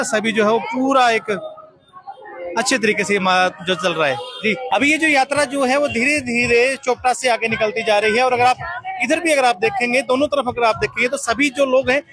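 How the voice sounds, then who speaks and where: A man's voice: very high-pitched, sharp tone. A man reporting live from a religious procession outdoors, rambling commentary with many fillers and chatty questions to passersby. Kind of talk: live on-the-street commentary and interviews. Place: outdoors at a crowded rainy procession.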